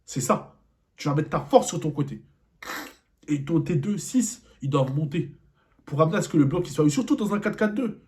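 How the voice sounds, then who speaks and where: A man's voice: on the high side, expressive, normal speed, a little mellow. Angry man ranting after a match. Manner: angry, repetitive rhetorical questions. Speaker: football vlogger. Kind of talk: post-match debrief rant.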